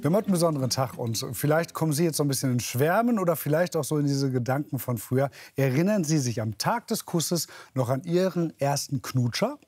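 A man's voice: on the high side, expressive, fairly quick, hardly any pauses, darkish tone, slightly rough, faint music behind. A man hosting a TV magazine, chatting with viewers and asking them questions. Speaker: TV magazine host. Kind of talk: live studio moderation.

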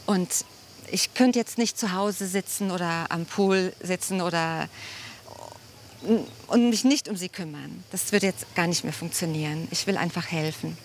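A woman's voice: fairly low pitch, measured pace, slight background noise. A woman from Frankfurt answering interview questions outdoors, earnest and searching for her words. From Germany, Frankfurt. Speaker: volunteer caring for stray cats.

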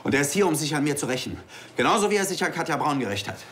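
A man's voice: a little high, sing-song, very fast, fairly bright tone, slight background noise. A man playing an agitated, self-important professor who speaks in an insistent, indignant way. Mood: indignant, demanding.

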